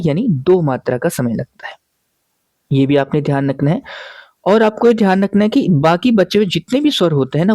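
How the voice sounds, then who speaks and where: A male teacher walks his students through a lesson in a warm, mellow voice, patiently asking questions and then answering them himself. He keeps pausing to check that his listeners are following. The sound is close and dry, with no room around it. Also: sits high, no echo. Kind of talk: classroom grammar lesson.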